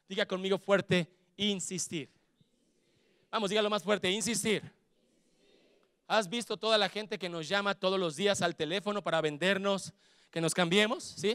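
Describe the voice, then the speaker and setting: A man with a Mexican Spanish accent preaching a sermon as pastor, fervent, building to shouts and acting out quoted voices. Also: high-pitched, clear, resonant tone, no room sound, studio quality.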